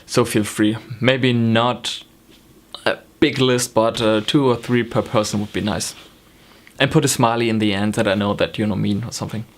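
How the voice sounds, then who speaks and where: A German-accented young man from Germany, who vlogs about knitting, sits in a small home room with the camera close in front. His voice is on the low side and steady at a moderate pace, and his casual chat meanders with many ums and corrections of himself.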